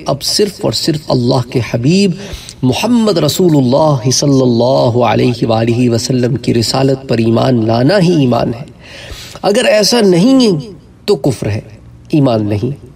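A man giving a religious lecture in earnest, emphatic preaching style, with a Pakistani Urdu accent, rising in pitch when he stresses a point. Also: lively intonation, creaky, darkish tone, slightly rough, recorded from a distance. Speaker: Islamic preacher.

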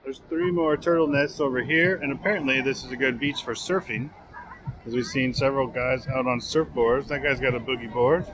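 A man's voice: mid-range voice, fairly even intonation, fairly quick, background noise. A man in his forties chatting casually as a travel vlogger, filming outdoors at a beach and in a car. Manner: chatty, joking tour-guide talk.

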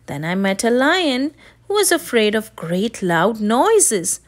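A woman's voice: fairly high pitch, big pitch swings, slow. A woman voicing a polite, anxious little boy turtle from a storybook, earnest and pleading.

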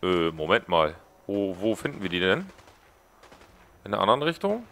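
A man's voice: sits low, sing-song, normal speed, a bit bright. A man giving casual gameplay commentary as a let's play host, joking and mocking the characters on screen.

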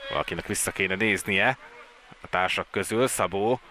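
A man doing live water polo commentary as a sports commentator, with an excited delivery that rises at key plays. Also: low-pitched, crowd noise.

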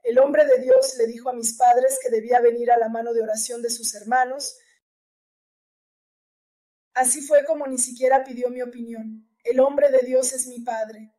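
Woman, high voice, testimony speaker, earnest and repetitive. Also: lively intonation, moderate pace, dark tone. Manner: earnest, repeats key phrases. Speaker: church testimony giver. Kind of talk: personal religious testimony.

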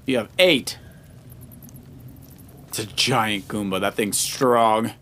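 Taking it slowly, a man with a lowish, slightly bright voice explains and advises on game moves like a coach, co-hosting a children's let's play as a father. He's probably middle-aged, the commentary is casual, and a little hiss or hum sits under the video game music.

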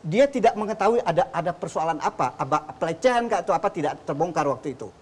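A man's voice: fairly high pitch, animated, quick pace, a little mellow. A man, a defense lawyer, arguing insistently in a televised debate and often restarting his sentences. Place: tv studio.

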